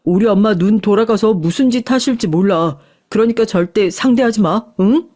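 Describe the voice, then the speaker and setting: A woman's voice: mid-range voice, normal speed, warm tone, lightly acted. A woman voicing an earnest young boyfriend who talks urgently. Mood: apologetic. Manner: pleading then firm. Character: apologetic young man, the boyfriend.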